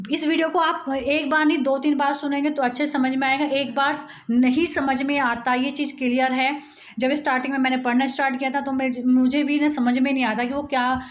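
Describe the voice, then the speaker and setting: A woman teaching English poetic meter to students, often checking whether they follow and reading lines slowly with marked stresses. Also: high voice. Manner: asks frequent check-in questions. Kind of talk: explaining English poetry to students.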